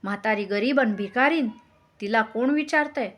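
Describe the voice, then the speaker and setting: A wrathful old beggar woman, put on by a woman storyteller, speaks softly between coughs. The voice sits a little high and carries a proud, cutting edge. She belongs to a told folk tale. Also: moderate pace, lightly acted. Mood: indignant. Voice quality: soft voice with coughing.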